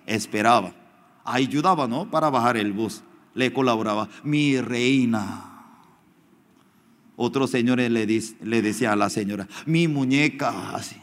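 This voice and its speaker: Male pastor, slightly non-native speaker, emphatic and animated sermon with story asides; slow, lively delivery, long hall reverb. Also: medium pitch.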